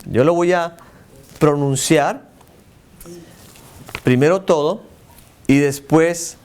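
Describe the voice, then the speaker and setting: A man's voice: on the high side, slow, darkish tone, clean tone. A man teaching a church class. He asks the group questions and stresses single words for emphasis.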